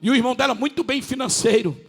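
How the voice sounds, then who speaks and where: A male pastor preaching a sermon, with a northern Brazilian accent, a raspy voice, and sudden shouted peaks between drawn-out words. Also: extremely high pitch, in a large hall, soft background music. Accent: Brazilian Portuguese, northern.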